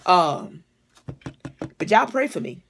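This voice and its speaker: A blunt, exasperated middle-aged woman, a vlogger and hair stylist, delivers a casual comedic rant about a product in a fairly low, creaky voice that's very animated yet slow. She talks conversationally and profanely from a small room indoors at home, with a little hiss or hum audible.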